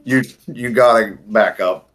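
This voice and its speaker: A man's voice: medium pitch, unhurried, a bit bright. A man chatting casually as a player in a tabletop game, rambling with many fillers and restarts.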